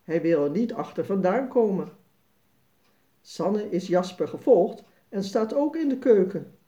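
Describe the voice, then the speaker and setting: A narrator reading a children's storybook aloud, slow, clear and expressive. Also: mid-range voice.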